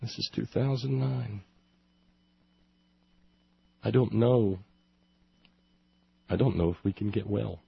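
Hosting a political call-in radio show alone, a man sounds sardonic and mock-exasperated, his delivery loose, emphatic and halting. His voice is on the low side, slightly rough, with vocal fry. The radio sound is dull and lo-fi.

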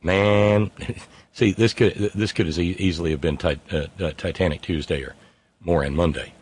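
Reading out chat messages on a live stream, a man rambles wryly through a casual, unscripted monologue, restarting often and using many fillers. His deep voice is husky and a little mellow, with fairly even intonation at a moderate pace.

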